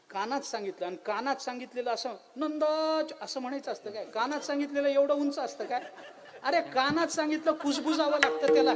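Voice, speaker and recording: A male preacher giving a devotional kirtan sermon, with animated storytelling, rhetorical questions and chanted verses. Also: very high voice.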